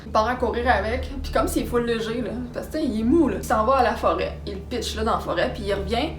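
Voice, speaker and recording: A young woman with a Québécois accent telling a story in a casual, animated, dramatic way. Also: on the high side, fast talker, slight background noise. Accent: Québécois French. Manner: animated, dramatic, acts out sounds and quotes. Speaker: vlogger. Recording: roomy echo with background music.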